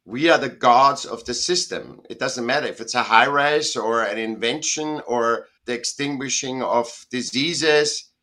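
Unhurried yet with hardly any pauses, a middle-aged man speaks in a pushed, bright mid-range voice. He's an Austrian guest artist on a video call from his Southern California home, giving a casual interview in a rambling, emphatic manner and often correcting himself.

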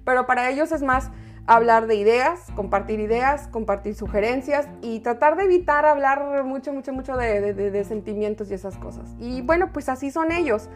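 A woman's voice: high-pitched, moderate pace, faint music behind. A woman giving relationship advice in a playful, chatty manner, often laughing and restarting her sentences. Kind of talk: casual advice talk.

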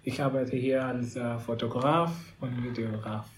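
Slow, hesitant man in his thirties. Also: medium pitch, steady tone, roomy sound, slight background noise. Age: 30s. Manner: hesitant, thoughtful. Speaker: guest. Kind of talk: podcast conversation.

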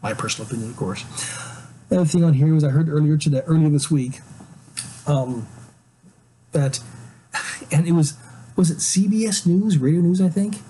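Rambling, sarcastic man with a mellow voice. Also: a little high, normal speed, long pauses, slightly rough, low-quality recording. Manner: rambling, with many fillers and restarts; sarcastic, scoffing. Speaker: podcast host. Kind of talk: opinionated solo commentary.

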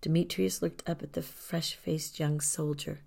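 Brief: somber woman storyteller, deep and unhurried, soft and near-whispered. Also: level tone, creaky, husky. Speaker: narrator. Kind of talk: scripted storybook narration.

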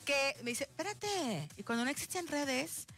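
A Mexican woman hosting a radio show, chatting in a lively, joking way. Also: high-pitched, moderate pace, soft background music. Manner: animated, joking, intense. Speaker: radio host. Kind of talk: casual radio chat. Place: radio studio.

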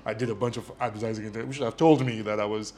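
A man's voice: lowish voice, steady tone, very fast, darkish tone, slight background noise. A man from Nigeria whose first language is Ijesha, a guest telling his story with lots of ums and a self-deprecating air. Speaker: guest, media company CEO. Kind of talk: casual interview.

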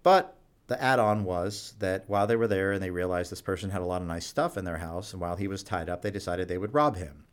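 A fairly low-pitched man tells stories from his work as a doctor at a jail clinic in a relaxed interview. He delivers the anecdotes with animation and slips into the voices of the people he quotes. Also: fast, clean tone. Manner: animated anecdote-telling, acts out quoted dialogue. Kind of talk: storytelling in a conversational interview.

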